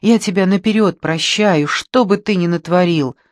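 A man's voice: sits high, moderate pace, dry recording, studio quality, lightly acted. Natasha, a frightened tender young woman, read by a man. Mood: anxious.

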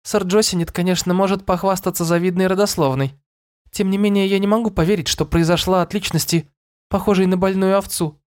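A man's voice: high voice, a little fast, a little mellow, pitched above the performer's own voice, close to an everyday voice. A man voicing a headstrong, blunt young girl who is demanding to know who her father is. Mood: insistent. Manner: insistent, blunt.

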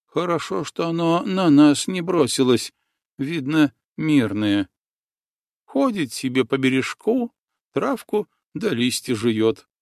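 A man voicing a young village girl from an old storybook, awed and gentle, talking in a folksy, wondering way. the delivery is slow and unhurried, and the sound is close and dry, with no room around it. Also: on the high side, vocal fry, dry recording, pitched above the performer's own voice, full character voice.

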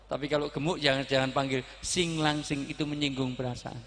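A man giving a humorous sermon, joking and bursting into sudden loud outbursts. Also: medium pitch, level tone, fairly quick, big-room sound. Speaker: preacher.

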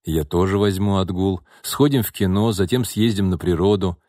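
Male reader as a sulky young man, low voice. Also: moderate pace, dark tone, dry recording, clean studio sound, lightly acted. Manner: sullen. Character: young man, fiancé, sulking and disappointed.

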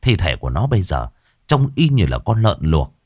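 A man narrates a village horror story, his low voice moving expressively through the lines. The recording is dry and close, with no room sound. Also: very animated, moderate pace, breathy edge, dry recording.

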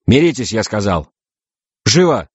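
A man doing a gruff, wary space navigator. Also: lowish voice, lively intonation, normal speed, no room sound, highs cut off, pitched above the performer's own voice. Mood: commanding. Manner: gruff, commanding.

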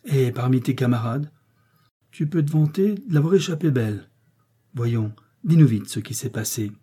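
A man voicing a brutal former convict who leads a gang, shouting harsh orders. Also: mid-range voice, lively intonation, moderate pace, husky. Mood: gruff.

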